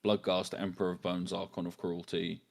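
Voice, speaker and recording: Male livestream co-host, fairly low voice. Casual commentary, blunt and sweary. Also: completely flat delivery, moderate pace, vocal fry. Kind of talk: casual live stream chat and commentary.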